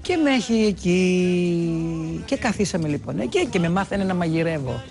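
A woman telling a personal anecdote in a documentary interview, with a lively storytelling manner. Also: fairly low pitch, music in the background.

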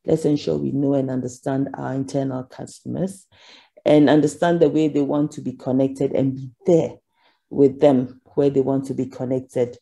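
A woman's voice: rumbling low, fairly even intonation, normal speed, gravelly, mellow. A woman giving a conference keynote over slides, earnest, with frequent ums as she asks for the next slide. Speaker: keynote speaker.

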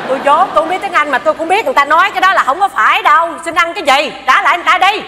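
A woman's voice: very high voice, sharp tone, heavily acted. A scolding mother-in-law. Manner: scolding, indignant, quick retorts. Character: sharp-tongued scolding mother-in-law, older woman. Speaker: stage comedy actor. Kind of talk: live stage comedy sketch. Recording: live stage, hall reverb, audience noise.

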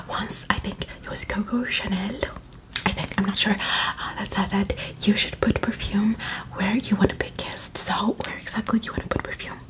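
A woman performs a whispered role-play in fast ASMR style, staying in an airy whisper. She plays a hurried personal helper, speaking to the listener up close in short phrases and often repeating small words in rapid little strings. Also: mid-range voice, low-quality recording.

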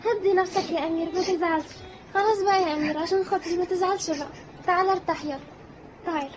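A scheming young wife who coaxes her husband in a very high, wheedling voice, played by a woman. She talks quickly and sweetly. A faint background noise runs behind her. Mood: soothing. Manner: coaxing, wheedling.

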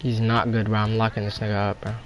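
A man's voice: lowish voice, monotone, fast talker, a little hiss or hum. A young man in casual online game chat, talking like a slangy frat bro and giving bossy, exasperated callouts to his teammates. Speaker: online basketball gamer.

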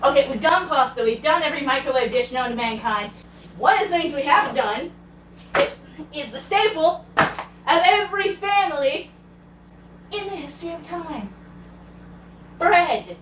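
A woman playing a hot-tempered, foul-mouthed young Italian man in an amateur cosplay comedy skit, snapping in loud outbursts, filmed by a far camera in a home kitchen. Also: high-pitched, lively intonation, normal speed, pauses often, roomy sound, noisy background. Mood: grumpy. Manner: swears and snaps in loud outbursts.

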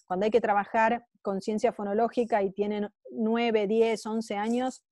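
A woman's voice: on the high side, flat delivery, moderate pace, warm tone, no echo, clean studio sound. A woman with a Rioplatense Spanish accent giving an online lecture on psychopedagogy, explaining step by step and stressing key phrases.

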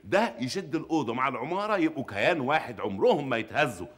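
An actor playing a pompous, jokey middle-aged Egyptian husband in a sitcom, speaking with an Egyptian Arabic accent. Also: male voice, medium pitch, lively intonation, noisy background, lightly acted. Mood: joking, boastful. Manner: pompous, jokey, quick patter. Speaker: family man building a rooftop room. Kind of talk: sitcom acting.

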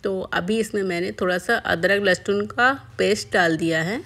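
A woman calmly narrating a home cooking tutorial step by step as a voice-over. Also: medium pitch, normal speed. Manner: calm step-by-step explaining. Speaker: cooking channel host.

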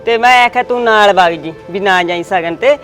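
A woman's voice: mid-range voice, brisk, fairly bright tone, faint music behind, natural voice. A woman playing a timid young village wife, hesitant and complaining. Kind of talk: village short film acting.

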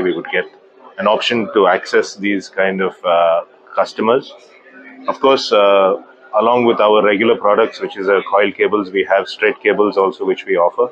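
A man in his thirties, a company managing director, giving a trade-show business interview in a measured, hesitant way with many fillers. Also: low-pitched, a bit bright, muffled recording, slight background noise. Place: indoor exhibition booth.

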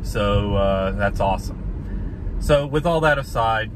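A man's voice: lowish voice, animated, slow pace. Chatty man vlogging from his car. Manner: chatty and conversational, gesturing with his hands. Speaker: film vlogger. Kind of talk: casual talking-head vlog. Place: inside a parked car. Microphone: phone camera on the dashboard. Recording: loud car and street noise behind.

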